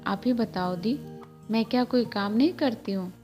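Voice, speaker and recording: A woman's voice: fairly high pitch, normal speed, lo-fi sound, soft background music, close to an everyday voice. A woman voicing an easily upset young wife who speaks indignantly and pleads.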